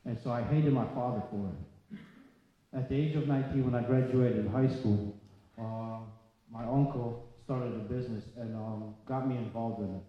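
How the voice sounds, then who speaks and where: At a recovery meeting, a Polish man in his 30s or 40s, a native Polish speaker, gives personal testimony to the group. His mid-range voice stays steady as he talks plainly in short, halting phrases. The hall is extremely echoey and the sound comes across a bit dull.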